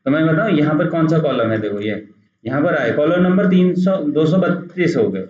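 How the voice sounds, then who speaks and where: A man teaches a beginners' computer lesson in a patient, repetitive way, pointing things out on screen. His voice sits a little high. The recording is roomy and dull, like a cheap mic in a bare room. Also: lively intonation, moderate pace. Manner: patient, repeats "dekho" while pointing things out. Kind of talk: screen-recorded software tutorial.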